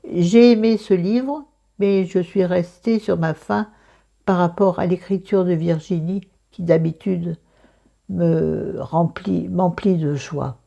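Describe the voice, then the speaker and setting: A woman with a low, creaky voice full of vocal fry talks slowly, as if she has not fully woken up. Her tone is mellow and casual, and she rambles and pokes fun at herself while reviewing. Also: highs cut off. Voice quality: croaky morning voice with vocal fry. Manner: self-mocking, digressive, thinking aloud. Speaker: book review vlogger.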